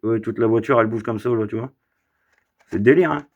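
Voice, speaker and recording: Speaking at a medium pitch and a fairly quick pace, a man casually shows off his toy car collection in an unboxing vlog. He's chatty and rambling, full of fillers, asides and tag questions, and the lo-fi sound is slightly dull.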